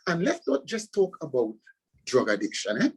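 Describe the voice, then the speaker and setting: A man's voice: on the high side, wildly swooping pitch, moderate pace, breathy edge, low-quality recording. A man from Trinidad and Tobago with a Trinidadian accent, a pastor and author answering interview questions with earnest, preacherly emphasis.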